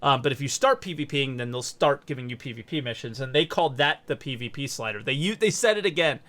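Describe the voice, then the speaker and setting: A man's voice: medium pitch, animated, quick pace, fairly bright tone. A man hosting a casual gaming podcast, rambling and correcting himself as he explains background. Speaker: podcast host. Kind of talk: casual chat.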